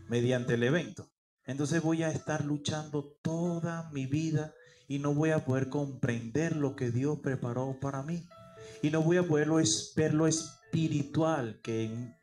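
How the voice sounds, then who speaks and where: A Peruvian pastor preaches a sermon in a slightly high, slightly mellow voice. He poses rhetorical questions and answers them aloud himself, acting out the voices of the people he quotes.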